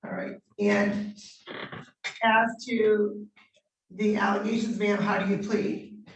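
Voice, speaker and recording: A woman judge conducting formal court proceedings in measured, procedural questions, heard on a courtroom recording. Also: mid-range voice, flat delivery. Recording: roomy courtroom audio from a distant mic.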